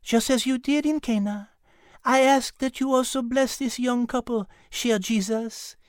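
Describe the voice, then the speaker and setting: A woman voicing a gentle, devout French woman with a French accent and a soft, polite way of talking. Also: fairly high pitch, unhurried, dry recording, studio quality, natural voice. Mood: tender.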